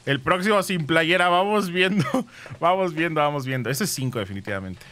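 Chatty streamer man, bright tone. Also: on the high side, lively intonation, a little fast. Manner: chatty, reads out chat and thanks viewers, dramatic exclamations. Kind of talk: live game stream with chat.

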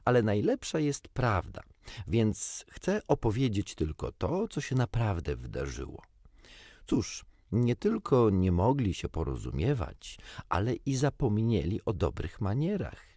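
A man reading a children's storybook aloud with gently wry, expressive storytelling. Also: lowish voice, a little slow, slightly rough, no echo, clean studio sound. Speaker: audiobook reader. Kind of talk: storybook narration.

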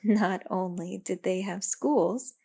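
A woman voicing a wise old elm tree who speaks calmly and reassuringly. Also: mid-range voice, slow pace, vocal fry, husky, exaggerated voice. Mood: gentle. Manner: calm, gentle, reassuring.

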